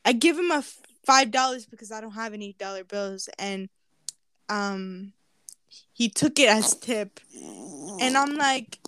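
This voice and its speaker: A woman's voice: fairly high pitch, a little slow, pauses often, clear, resonant tone, dry recording. A young woman hosting a podcast, telling embarrassing stories in casual chat with giggles. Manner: animated, giggly storytelling. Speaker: podcast host.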